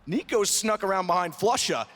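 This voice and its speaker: A man commentating play-by-play as an esports caster, excitable and building to shouted climaxes. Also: high voice, moderate pace.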